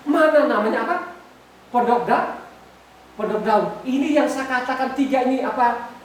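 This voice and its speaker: A woman's voice: high voice, moderate pace, a little hiss or hum. A woman preaching a sermon, exhorting her listeners, asking them questions and repeating her words. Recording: echoey room, far from the mic.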